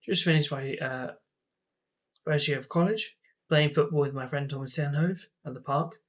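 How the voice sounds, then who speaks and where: A man's voice: fairly high pitch, moderate pace, lo-fi sound. A young man casually telling rambling personal stories, acting out the lines of the people in them. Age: young adult. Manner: rambling, acts out quoted dialogue. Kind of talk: casual storytelling.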